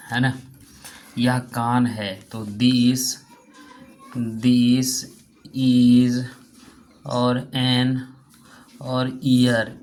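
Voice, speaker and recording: Slow, flat-voiced male grammar teacher. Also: mid-range voice. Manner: spells words out letter by letter, slow and repetitive. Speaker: English teacher. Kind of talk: spoken grammar lesson.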